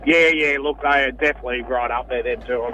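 An Australian man chatting casually as a radio interview guest, laid-back and matey with a halting delivery. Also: medium pitch, steady tone, bright, forceful tone. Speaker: cricket association president, interview guest. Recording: dull lo-fi line, faint noise.

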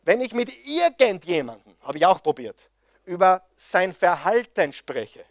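Male preacher, high voice, dry sound, fervent rhetorical questions. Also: very animated, a little slow, no room sound. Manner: impassioned, with rhetorical questions to the audience. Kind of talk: sermon.

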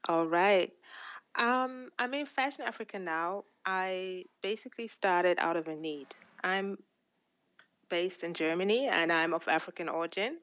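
A woman from Uganda answering interview questions in a casual, thoughtful way, with frequent ums and pauses over a remote call. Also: lowish voice, fairly bright tone, no room sound, highs cut off. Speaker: podcast guest, fashion platform founder.

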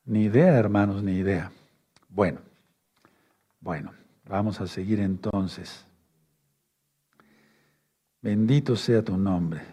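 A man delivers a teaching sermon, repeating key phrases and checking in with his listeners again and again. His voice is dark and somewhat husky. He tells the congregation to take notes. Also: lowish voice, slow pace, long pauses. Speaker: preacher.

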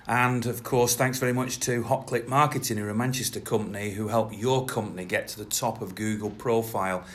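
A man presenting a football podcast in a rambling, conversational way. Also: fairly low pitch.

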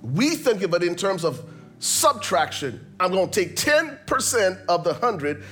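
A Liberian male pastor preaches with a slightly raised, emphatic, rhythmic delivery, his voice high-pitched, sing-song and a little slow. He often repeats words and sets them in pairs for effect while faint music plays quietly behind the sermon.

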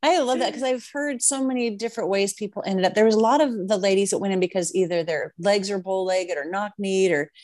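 A woman's voice: medium pitch, brisk, hardly any pauses, a little mellow, dry recording. A woman, hosting a casual interview podcast in a chatty, rambling way. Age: 60s.

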